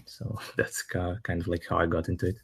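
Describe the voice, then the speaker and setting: A man from Serbia speaks as a guest in an online audio chat. His voice is very deep and stays flat, with little change in pitch. He talks in a steady, matter-of-fact way. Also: fairly quick, gravelly, slightly rough. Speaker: guest, blockchain engineer. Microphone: online audio stream.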